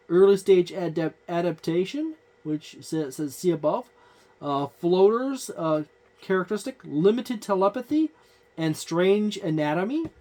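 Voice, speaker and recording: With a darkish, medium-pitched voice, the host of a tabletop gaming channel gives a casual, rambling tour of a book. Each page gets its points indicated, and the speech is full of fillers.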